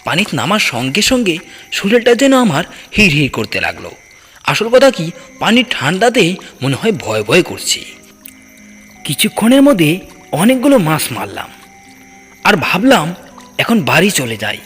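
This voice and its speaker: In heavy, cavernous reverb over background music, an animated male storyteller delivers a dramatic scripted first-person ghost tale for a cartoon horror story. His husky voice sits high, moving at normal speed with frequent pauses.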